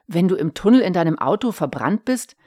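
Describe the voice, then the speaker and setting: An indignant, bewildered wife, read by a woman narrator, firing off sharp, exasperated questions. The voice sits fairly low. The sound is close and dry. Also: very animated, fairly quick, no echo.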